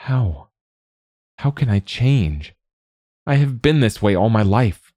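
A man's voice: fairly low pitch, big pitch swings, takes it slowly, mellow, no echo, clean studio sound, voice pushed up. A man voicing a frightened, ashamed young male warrior, speaking in a strained, pleading way. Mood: desperate.

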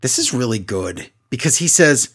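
A middle-aged man co-hosting a podcast, recapping shows in casual chat in an animated, jokey way. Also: medium pitch, normal speed, breathy edge. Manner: animated, jokey, acts out quotes. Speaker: podcast co-host.

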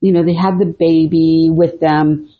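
A middle-aged woman co-hosts a podcast, casually retelling a friend's spooky story with easy laughs. Her deep voice is flat and measured, and the audio is muffled and lo-fi.

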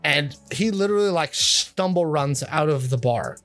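Young male game master, casual filler-heavy narration, somewhat high voice. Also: animated, normal speed, fairly bright tone, faint music behind.

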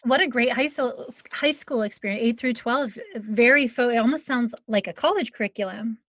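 A woman's voice: fairly high pitch, normal speed, no echo. A woman hosting a podcast for teachers and interviewing a guest in a conversational way. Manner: warm conversational questioning with fillers. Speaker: podcast host.

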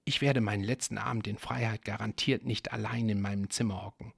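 A roguish young prince who shrugs off every rule, speaking in a low, teasing murmur, as a man reading a story puts him on. The voice is gravelly and rough at the edges, and the recording is close and dry. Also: lively intonation, moderate pace, no room sound. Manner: hushed, teasing. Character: mischievous young male twin, rule-breaking prince.

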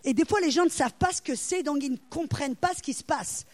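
A woman with a high voice preaches with lots of energy. She tells stories, slips into the voices of the people in them, and sometimes lets out a loud cry. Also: fast, no room sound. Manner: animated, acts out voices, cries out loud. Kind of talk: sermon with storytelling.

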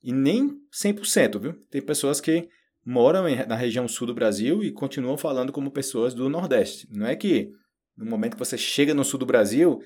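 Man, husky voice, informal language lesson, lively. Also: mid-range voice. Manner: lively, acts out learner dialogues, repeats phrases slowly for drills. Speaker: Portuguese teacher.

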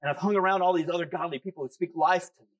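Man, pastor, sermon, emphatic repetition, high voice. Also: steady tone, racing, muffled recording. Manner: emphatic, repeats key phrases, talks back to his own flesh.

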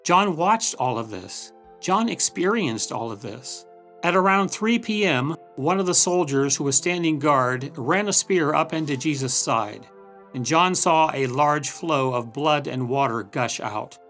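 A man's voice: a little high, lively intonation, a little slow, a bit bright, faint music behind. A man giving a scripted Bible commentary, telling the story earnestly with dramatic emphasis. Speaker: Bible teacher. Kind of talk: scripted devotional narration.

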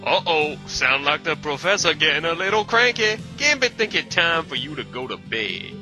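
A swaggering rogue for a comic podcast skit, talking about himself in the third person. His voice sits high and leaps all over the place, with a very bright, sharp edge. Soft music plays underneath. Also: very animated, moderate pace, full character voice. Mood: teasing. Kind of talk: comedy skit.

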